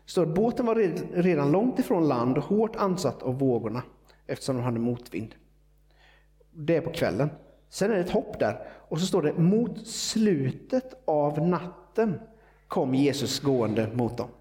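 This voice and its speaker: A man delivers a sermon in a relaxed, explanatory manner. His voice sits a little higher than most men's. He talks it through casually, with fillers and quick asides. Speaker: preacher.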